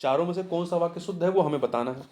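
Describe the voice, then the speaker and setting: A man's voice: a little high, very fast, a little mellow. A man working through the answers of a Hindi exam practice test as tutor, asking questions and then answering them himself, going over each answer step by step. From India.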